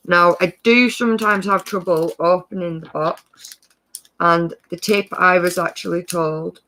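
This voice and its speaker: A casual live-stream tutorial voice, rambling and friendly, full of small self-corrections. The tone is crisp and bright with a gravelly fry underneath. The pitch stays level with little rise and fall. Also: slight background noise, poor audio. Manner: gives friendly practical tips.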